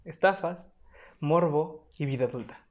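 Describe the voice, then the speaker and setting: A woman's voice: deep voice, measured pace. A young woman with a Mexican accent, co-hosting a podcast in casual chat with slang and swearing. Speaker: podcast co-host.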